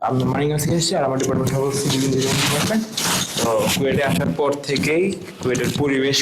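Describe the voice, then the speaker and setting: A young man from Bangladesh, a new university student, nervously introducing himself at a student gathering and restarting his sentences. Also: medium pitch. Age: young adult. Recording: echoey noisy room recording.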